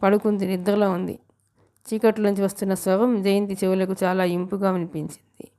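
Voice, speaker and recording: A woman narrating a novel for an audiobook in a steady, measured way. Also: medium pitch. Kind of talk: reading a novel aloud.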